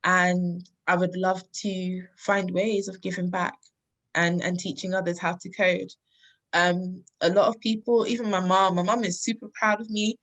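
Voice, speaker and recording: A woman's voice: fairly low pitch, level tone, moderate pace, a bit bright. A woman in her thirties from London, a podcast guest speaking earnestly and reflectively, often laughing. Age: 30s. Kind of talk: casual interview talk.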